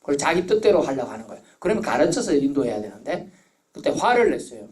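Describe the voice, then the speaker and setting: A man's voice: medium pitch, sing-song, fast, darkish tone. A middle-aged man preaching a sermon as pastor, telling stories in a conversational way. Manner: storytelling, conversational preaching with anecdotes.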